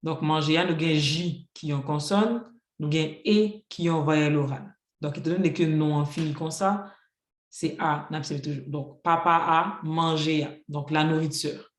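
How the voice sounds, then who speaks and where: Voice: mid-range voice, fairly even intonation, normal speed. A teacher giving a classroom grammar lesson, patiently spelling out rules with examples and saying "ok, donc" often. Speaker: Haitian Creole teacher. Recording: roomy echo.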